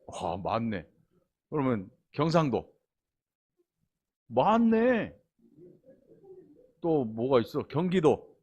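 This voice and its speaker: A middle-aged man from the region preaching a sermon, chatty and teasing, tossing quick questions and asides at the congregation. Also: medium pitch, very animated, vocal fry, a little mellow, husky. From Honam region of Korea. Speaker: pastor.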